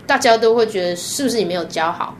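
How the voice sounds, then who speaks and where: Her voice leans high and fast as this Taiwanese Mandarin-accented guest animatedly shares candid personal stories. She laughs a lot and acts out the voices she quotes, with slight background noise present.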